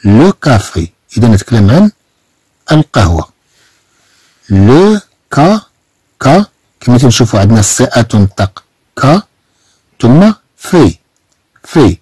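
A Moroccan man teaching French pronunciation in Moroccan Arabic, slowly repeating and stretching example words. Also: medium pitch, sing-song, dark tone, husky, no room sound, low-quality recording. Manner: slow, drawn-out repetition of example words.

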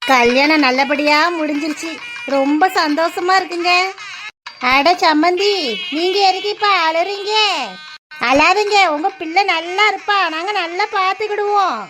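A woman voicing a brisk, chirpy mother-in-law. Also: extremely high pitch, steady tone, over music. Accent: southern Tamil Nadu (Tirunelveli) dialect. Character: cheerful reassuring village mother-in-law. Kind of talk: cartoon voice acting.

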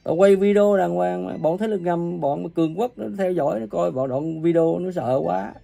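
A man delivers a furious preaching rant, scolding and cursing his listeners. His voice sits a little high but sounds dark and gravelly, and it jumps between loud bursts and low mutters. Faint music plays behind him. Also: normal speed. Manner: scolding and cursing, coarse insults; uneven volume, bursts loud then drops low. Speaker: self-proclaimed religious preacher. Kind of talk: angry ranting sermon.

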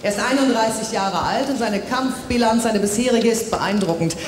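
A woman working as a boxing ring announcer, presenting a live gala in a formal but showy style with drawn-out fighter introductions. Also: fairly high pitch. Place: large indoor boxing arena. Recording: echoey arena PA with crowd noise. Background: crowd noise.

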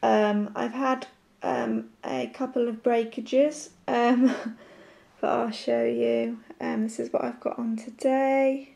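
A woman with a croaky voice from a sore throat, chatting casually and haltingly to camera as a nail art vlogger. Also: a little high, steady tone, dark tone.

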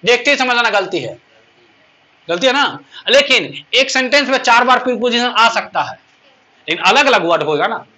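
A male English teacher leads a classroom lesson in a high, bright voice, repeatedly asking his students questions as he explains each point. The recording quality is low.

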